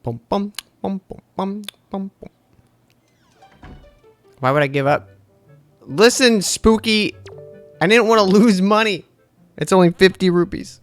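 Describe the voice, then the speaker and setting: A man in his thirties streams a game, chatting and joking casually with his chat. He speaks in a high voice, a little slowly, with long pauses, while soft music plays behind him.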